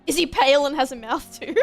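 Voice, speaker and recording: A young woman streaming a fantasy game, excitable, swearing and laughing as she comments. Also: high-pitched, a little fast, soft background music. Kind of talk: gameplay commentary.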